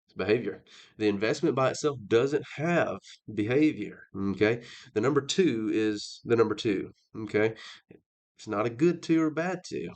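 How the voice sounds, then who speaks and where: A man teaching a lesson on investing as a financial coach, energetic and conversational, often checking in with his listeners. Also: mid-range voice, normal speed. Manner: energetic, conversational, frequent "okay?" check-ins. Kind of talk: lecture on investing.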